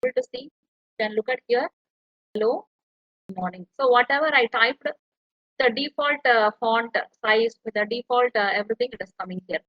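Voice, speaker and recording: A woman's voice: fairly high pitch, a little fast, no room sound, highs cut off. A woman lecturer, explaining step by step as she types in an online tutorial. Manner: explains step by step while typing.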